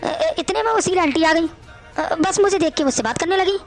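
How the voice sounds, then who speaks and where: A woman's voice: extremely high pitch, lively intonation, a little fast, creaky, soft background music, heavily acted. Woman playing a defiant young daughter-in-law. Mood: defensive. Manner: pleading, then pert back-talk.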